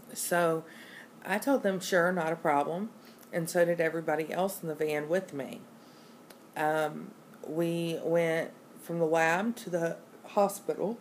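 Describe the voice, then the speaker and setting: A woman giving a casual, halting personal account, gassy while recovering a day after surgery. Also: low-pitched, a little mellow. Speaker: patient vlogger. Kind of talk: casual personal vlog, recounting an experience. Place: hotel room. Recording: noticeable background room noise.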